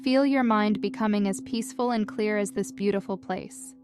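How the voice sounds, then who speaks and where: A woman with a medium-pitched voice narrates a scripted guided meditation over music. She speaks gently, calmly, and soothingly, giving measured instructions.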